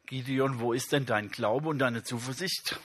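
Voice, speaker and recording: Bright, husky-voiced preacher man. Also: medium pitch, normal speed. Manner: addresses the congregation directly, reads scripture aloud with emphasis. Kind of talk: sermon.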